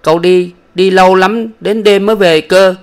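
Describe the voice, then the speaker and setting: A man's voice: sits high, steady tone, normal speed, clear, resonant tone, pitched above the performer's own voice. A man voicing an earnest, talkative young boy in a storybook reading. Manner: eager, pleading, childlike.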